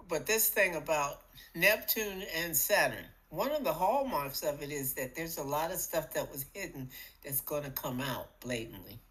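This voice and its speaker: A middle-aged woman hosting a spiritual podcast, talking in a casual, animated way, acting out little voices and laughing often. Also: low-pitched, rough recording. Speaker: podcast host.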